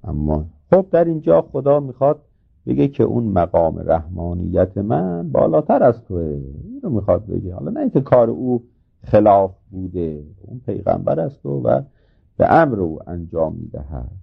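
A man giving an informal religious talk, retelling a scripture story in a casual, halting way with many filler words. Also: on the low side, very animated, gravelly, slightly rough. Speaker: religious speaker. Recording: tinny phone-like recording.

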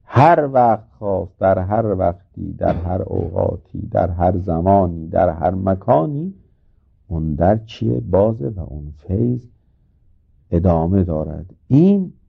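A man giving an informal religious talk, retelling a scripture story in a casual, halting way with many filler words. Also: sits low, lively intonation, creaky, slightly rough. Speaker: religious speaker. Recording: tinny phone-like recording.

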